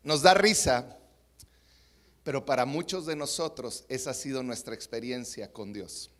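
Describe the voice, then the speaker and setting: A man with a Mexican Spanish accent preaching a sermon in an earnest way, swinging from soft to emphatic. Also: medium pitch, moderate pace. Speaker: pastor.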